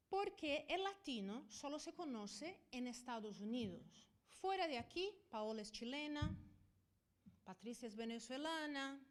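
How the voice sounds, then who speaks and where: Her voice is high as this middle-aged woman from Brazil, a veterinarian and professor whose native tongue is Portuguese, presents at a conference in Spanish learned in Spain. She frequently checks in with a quick "ok?".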